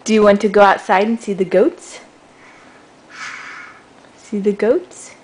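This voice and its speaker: A woman's voice: medium pitch, fairly even intonation, slow, a little mellow, a little hiss or hum, poor audio. A young mother at home patiently coaching her toddler, repeating simple prompts and praise. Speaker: mother teaching her toddler baby sign language.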